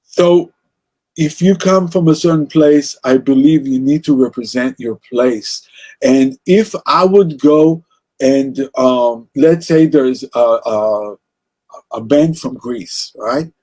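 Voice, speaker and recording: A man's voice: mid-range voice, takes it slowly, warm tone. A man with an Israeli accent, speaking as an interview guest about music in a passionate, rambling way with many restarts. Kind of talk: casual interview conversation.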